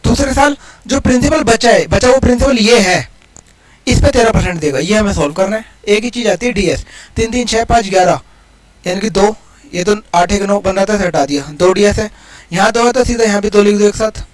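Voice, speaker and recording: A man teaching maths in a casual exam-prep lesson, explaining each step aloud and counting digits quickly. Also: high voice, low-quality recording. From India.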